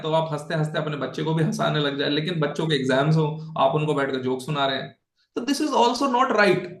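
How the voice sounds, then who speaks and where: Gravelly, echoey man teaching. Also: on the high side. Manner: conversational, checks in often with the listeners; mixes English phrases into his talk. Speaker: Bhagavad Gita teacher. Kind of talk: casual online lesson.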